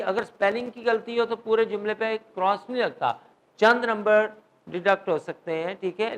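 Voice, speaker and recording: High-voiced man teaching English grammar. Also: low-quality recording. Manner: quizzes students, mixes English terms into Urdu. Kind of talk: classroom grammar lecture.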